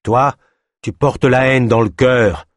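A man's voice: medium pitch, a little fast, breathy edge, no echo, clean studio sound, voice pushed up, close to an everyday voice. A man voicing a defiant old female healer who scolds her accuser. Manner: scolding, sharp retorts.

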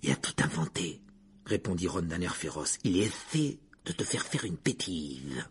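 A man voicing a fierce, loyal teenage boy who speaks low, blunt and gruff, in a storybook reading. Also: sing-song, moderate pace, exaggerated voice.

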